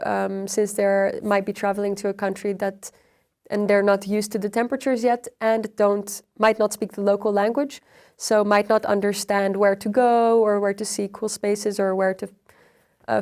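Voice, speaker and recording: A young adult woman, a PhD researcher, explaining in measured interview answers with frequent ums and uhs. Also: medium pitch. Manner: measured, even, with frequent fillers. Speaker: PhD researcher on extreme heat.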